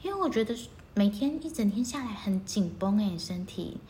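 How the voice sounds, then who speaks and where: Relaxed woman chatting. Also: medium pitch, normal speed, slight background noise. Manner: relaxed, laughs often. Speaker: co-host. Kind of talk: casual chat.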